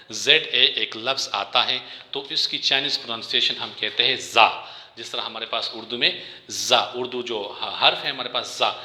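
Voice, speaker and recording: Man, language teacher, very bright tone, roomy echo, patient repetition. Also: fairly low pitch. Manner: patient, repeats words slowly for learners. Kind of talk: classroom language lesson.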